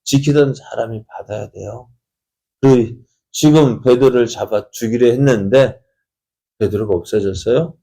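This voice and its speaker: A pastor preaches at an early-morning prayer service, telling a Bible story with many rhetorical questions and acting out the characters' dialogue in changing voices. His medium-pitched voice is warm, slightly rough and unhurried, with vocal fry.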